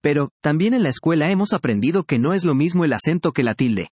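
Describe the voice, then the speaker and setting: A man reading a scripted language lesson in a measured, explanatory way, each word clearly pronounced. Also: a little high, animated, darkish tone, dry recording. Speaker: language teacher. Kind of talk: scripted educational narration.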